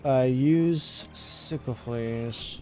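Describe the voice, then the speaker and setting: A man's voice: medium pitch, extremely slow, dark tone, faint music behind. A man streaming a strategy game and chatting casually, joking and self-deprecating as he plays. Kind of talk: casual gameplay commentary.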